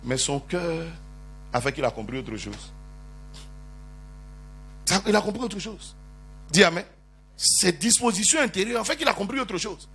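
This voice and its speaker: A man preaching a sermon as bishop, calling on the congregation to answer amen, teasing them with jokes and rising to loud prophetic declarations. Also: high-pitched, measured pace, pauses often, slightly rough. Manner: animated preaching with call-and-response.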